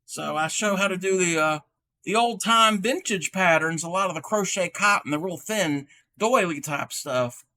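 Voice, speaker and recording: Man putting on a ninety-year-old granny, high voice, bright tone, folksy, rambling, halting. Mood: chatty. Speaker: livestream host showing crochet. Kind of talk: in-character livestream chat.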